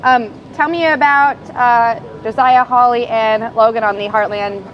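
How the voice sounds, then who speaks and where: A woman hosting a casual chat, cheerful and quick to laugh. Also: a little high, fairly even intonation, lo-fi sound, a little hiss or hum. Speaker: host. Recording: chatter of people behind.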